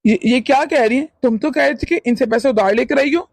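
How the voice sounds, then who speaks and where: A woman's voice: sits high, quick pace, a little mellow, husky, no echo. A woman voicing a stern young husband and son in a cartoon who questions and scolds. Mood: stern questioning.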